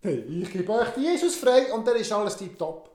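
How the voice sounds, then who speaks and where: A cautious governor reasons and placates, as a storyteller puts him on, his voice lively in pitch. He sounds hesitant and eager to please. The recording is roomy. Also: moderate pace, natural voice. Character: cautious Roman governor, a man. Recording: roomy echo.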